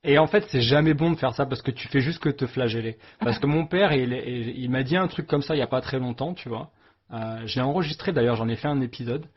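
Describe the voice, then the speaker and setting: A man from the Paris region hosts a relaxed podcast interview. His voice is slightly husky and mid-pitched. The recording sounds a bit dull and lo-fi. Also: a little fast. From Paris region, France. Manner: relaxed, chatty, frequent "tu vois". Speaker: podcast host. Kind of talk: casual interview chat.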